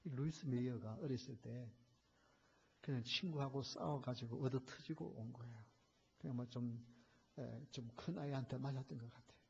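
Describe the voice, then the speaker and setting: A male pastor preaching a sermon, addressing the congregation often and switching between hushed, almost whispered asides and loud, fervent climaxes. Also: mid-range voice, moderate pace, vocal fry, slight background noise. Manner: storytelling with many fillers and repeated direct address to the congregation. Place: church sanctuary. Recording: dull, lo-fi church recording.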